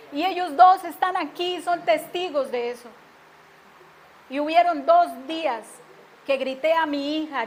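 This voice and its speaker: A middle-aged woman preaching a sermon and telling her own testimony, earnest, swinging from hushed confessions to emphatic declarations. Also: sits high, a little hiss or hum.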